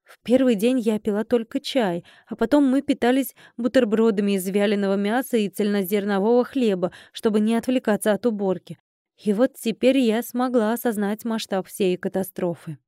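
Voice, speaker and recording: A woman narrating an audiobook in the first person, in an even, measured storytelling manner. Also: medium pitch, no echo, clean studio sound.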